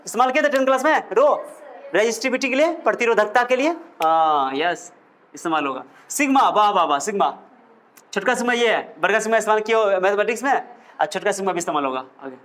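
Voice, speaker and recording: Male physics teacher, high-pitched, coaxing lecture delivery. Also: fast talker. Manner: lively, coaxing, quizzes students with questions. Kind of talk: classroom lecture.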